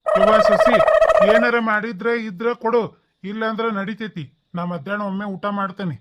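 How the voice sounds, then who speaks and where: A performer voices a lazy, boozy old father-in-law in a village cartoon comedy, with a North Karnataka Kannada accent. He grumbles and complains about the women of the house in a middle-pitched voice. He keeps asking for his breakfast. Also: fairly even intonation, brisk, a bit bright, close to an everyday voice. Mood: grumbling.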